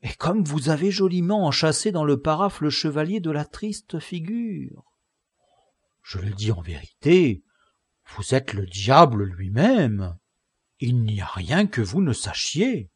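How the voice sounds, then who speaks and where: A man voicing a simple, blunt, loyal squire in an audiobook, excitable and pleading, pitched higher than his narration. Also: unhurried, breathy edge, no echo, heavily acted. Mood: amazed. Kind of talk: audiobook character reading.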